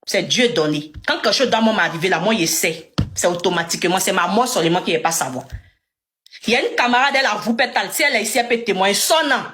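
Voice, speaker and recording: A woman's voice: mid-range voice, quick pace. A young woman with an Ivorian French accent, telling her story live to viewers and acting out what others said with emphasis. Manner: animated, emphatic, acts out dialogue. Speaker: livestreamer.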